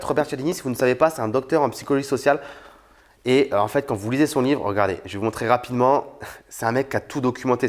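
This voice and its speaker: Young man from France, casual vlogger, chatty and unpolished. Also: mid-range voice. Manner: chatty, frank, many fillers and restarts. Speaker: youtuber reviewing books. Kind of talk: casual talk to camera.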